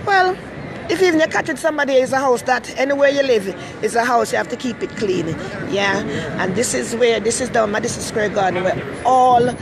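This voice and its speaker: Loud street and traffic noise surrounds this casual live-stream chat from a busy city station area. The talk show host, a woman from Jamaica with a Jamaican accent, speaks briskly in a slightly high, gravelly voice, rambling chattily and calling out viewers by name.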